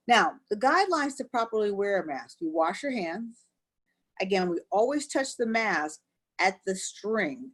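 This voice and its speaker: Female doctor, webinar presenter, lowish voice, walks through instructions step by step. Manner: explains step by step, often says "actually". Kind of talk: educational webinar talk.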